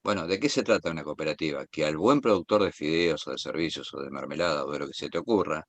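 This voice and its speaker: Deep-voiced, eager Argentine man. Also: no echo. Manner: eager, rushing to say many things at once. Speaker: guest speaker. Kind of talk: impassioned talk.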